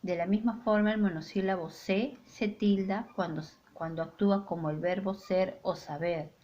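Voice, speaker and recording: A woman teacher giving a spoken grammar lesson, with a clear, deliberate delivery and stressed example sentences. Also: medium pitch, fairly even intonation, a little mellow, dull audio.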